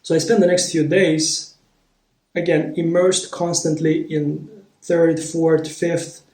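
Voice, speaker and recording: A man shares a personal story in a reflective, unhurried way, often pausing to find the right word. His voice sits a little high but sounds soft and mellow. The room around him rings with echo. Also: level tone. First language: Romanian. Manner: thoughtful, searching for words. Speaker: vlogger. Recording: roomy echo.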